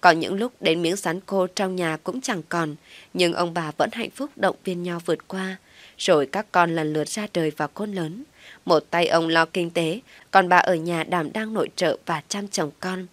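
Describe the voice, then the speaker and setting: A woman narrating a first-person family drama story in a calm, steady way. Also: fairly low pitch, normal speed, no echo.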